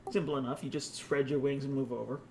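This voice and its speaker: A man's voice: medium pitch, fairly even intonation, fast, creaky, darkish tone, slight background noise. A man running a tabletop game as game master, describing scenes in the second person with the odd laugh.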